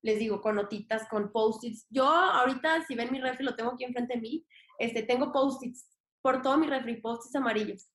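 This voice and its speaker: A young adult woman with a Mexican accent, a podcast guest chatting casually in an expressive, slangy way and acting out her inner voice. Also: a little high, a little fast. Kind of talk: casual conversation. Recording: echoey room.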